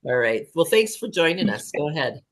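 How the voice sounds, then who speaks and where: A meeting chair, brisk and friendly, interrupting to bring in and introduce a guest speaker. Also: medium pitch, big pitch swings, a bit bright.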